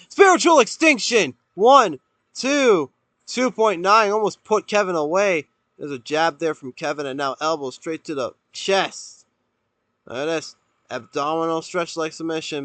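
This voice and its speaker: A man doing play-by-play as a wrestling commentator, with an excitable delivery. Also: mid-range voice, no room sound. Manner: excitable, erupts into shouting at big moves.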